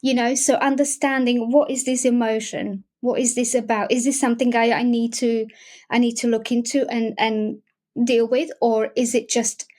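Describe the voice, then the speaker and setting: A woman's voice: on the high side, little pitch movement, normal speed, darkish tone. A young adult woman with a Slovak accent, speaking in a casual interview as a wellbeing guest, hesitant with many restarts. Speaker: guest, emotional wellbeing facilitator.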